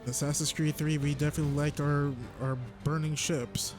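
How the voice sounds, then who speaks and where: A man from Texas giving rambling, casual let's-play commentary with sudden excited outbursts. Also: on the high side, normal speed, music in the background. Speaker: gameplay commentator.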